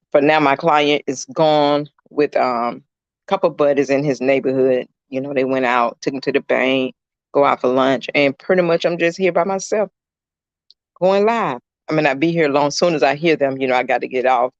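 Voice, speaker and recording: A man's voice: mid-range voice, gravelly, no echo, muffled recording. A middle-aged man, a caregiver chatting casually on a livestream. He rambles, fills his talk with "you know" and greets viewers by name. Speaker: caregiver streaming live. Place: indoors at a client's home.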